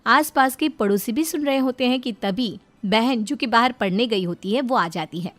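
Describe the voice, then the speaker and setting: A woman narrating a family drama story in a low, steady storytelling voice. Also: moderate pace.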